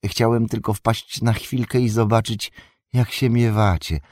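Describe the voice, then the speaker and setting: A man voicing a loyal, eager young male hobbit servant who calls out loudly and urgently. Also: fairly low pitch, level tone, unhurried, no echo, pitched above the performer's own voice.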